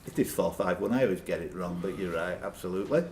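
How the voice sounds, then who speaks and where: A low, darkish voice and fast delivery mark this man hosting a live pub quiz indoors. Between reading questions aloud, he jokes around with contestants unscripted, and the pub room's background noise is clearly present.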